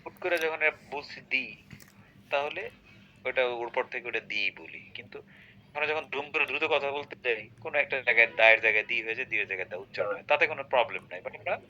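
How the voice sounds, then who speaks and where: A man's voice: medium pitch, brisk, pushed and bright, a little hiss or hum. A man teaching an English grammar lesson, often checking on his student with short tag questions. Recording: dull lo-fi recording.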